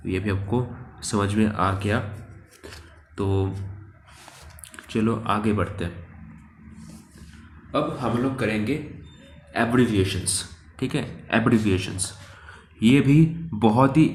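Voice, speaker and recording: A man's voice: lowish voice, slight background noise. A male teacher explaining English articles and pronunciation, repeating words and asking the viewer questions. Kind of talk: classroom grammar lesson.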